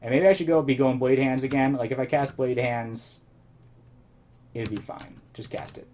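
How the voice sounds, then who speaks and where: While playing, a male host casually talks through the game, rambling as he thinks aloud. His medium-pitched, darkish voice is steady and moderately paced, though a little worn from slightly losing it.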